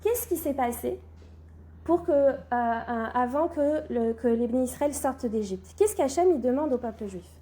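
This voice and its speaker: A woman teaching a Torah class, recorded while she has a cold, speaks in a high, animated, warm voice at a moderate pace. She quizzes her students, supplies the answers, and frequently asks "d'accord?"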